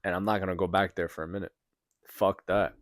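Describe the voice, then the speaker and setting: A man's voice: deep voice, fairly quick, no echo, studio quality. A young man hosting a podcast alone, telling a story in rambling casual talk with lots of fillers and swearing, still recovering from being sick. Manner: rambling, heavy filler words and profanity; gets loud and animated retelling a shock. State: recovering from sickness. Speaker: podcast host. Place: apartment building room.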